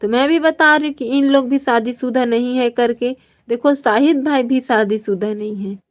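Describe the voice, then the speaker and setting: A woman from Chhattisgarh, India, hosts a casual live stream, greeting viewers by name and reading their comments aloud. Her delivery is slow, drawn-out, and friendly, and her voice is a little high.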